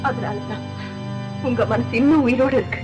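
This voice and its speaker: An actress playing a gentle young woman who softly reassures the hero. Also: fairly high pitch, normal speed, distant mic, dull audio, loud music behind the voice, lightly acted. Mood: tender.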